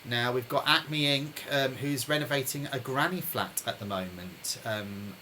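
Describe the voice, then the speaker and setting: A man's voice: mid-range voice, sharp tone, a little hiss or hum, poor audio. Chatty man hosting a quiz. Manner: chatty, reads each question slowly and repeats it. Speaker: quiz host. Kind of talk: live-streamed pub quiz hosting. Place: home during lockdown.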